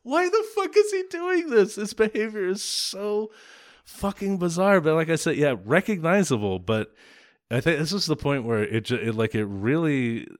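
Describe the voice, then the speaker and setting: A man co-hosting a podcast in a casual film discussion, animated, cursing and acting out scenes as he recaps. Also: on the high side, normal speed. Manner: animated, swearing, acts out scenes. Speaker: podcast co-host.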